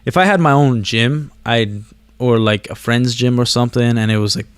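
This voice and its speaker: A vlogger with a medium-pitched, smooth voice chats to his audience at a moderate pace, and the recording has no room sound. Originally from abroad, he moved to the US as a child and picked up English after his first language. His casual talk drifts around, slangy and self-deprecating.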